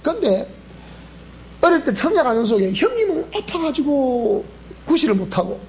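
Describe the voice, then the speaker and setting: A man preaching with a Gyeongsang accent, his pitch leaping up and sinking low as he keeps firing questions at the congregation. His delivery is animated throughout, with a faint hiss under the voice. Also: normal speed. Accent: Gyeongsang Korean. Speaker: pastor. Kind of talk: sermon. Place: church sanctuary.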